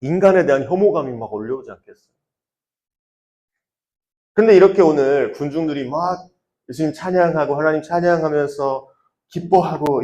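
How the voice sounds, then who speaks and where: A youth pastor preaching to teenagers in a roomy church room, his voice high and full of lively swings. He draws the students into responses and acts out the shouts of the crowd. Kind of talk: sermon to teenagers.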